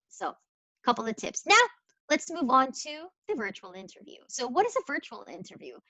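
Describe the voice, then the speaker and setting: A woman's voice: mid-range voice, a bit bright, no room sound, poor audio. Emphatic woman giving a webinar talk. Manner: emphatic, addresses listeners directly with rhetorical questions. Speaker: employer representative presenting on interviewing. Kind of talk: virtual webinar presentation.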